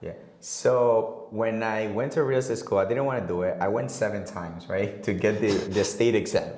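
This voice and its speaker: A man in his twenties from Honduras, guest on a casual podcast, telling stories in a relaxed way and laughing often. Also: on the low side, normal speed, roomy sound. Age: 20s. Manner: relaxed storytelling, acts out quoted dialogue, laughs often. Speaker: guest real estate agent.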